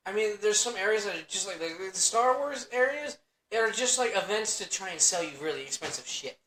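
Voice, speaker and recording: Crude young man, bright voice, echoey room. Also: sits high, lively intonation, a little fast. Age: 20s. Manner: crude joking, swears a lot, laughs often. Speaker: podcast host. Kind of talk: casual chat. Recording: roomy echo.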